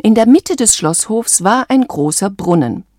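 A woman reading a children's storybook aloud in a calm, measured, clear manner. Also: medium pitch, no echo, studio quality.

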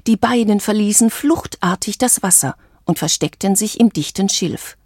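A woman reading a children's storybook aloud in a calm, measured, clear manner. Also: mid-range voice, dry recording, clean studio sound.

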